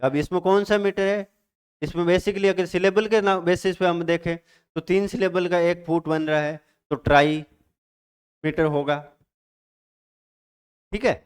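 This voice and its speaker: A man's voice: high voice, fairly even intonation, unhurried, long pauses, clear, resonant tone. A man teaching a lecture on poetic meter, asking his own questions and answering them, with English terms mixed in. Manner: mixes English terms into Hindi.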